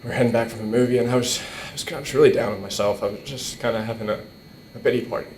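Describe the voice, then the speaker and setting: Standing at a boom-stand microphone in an indoor hall, a young man eulogizes his late uncle or aunt informally, his tone steady and darkish. He is emotional, fighting for composure, halting and repeating words. Roomy echo and faint rumbling noise fill the recording.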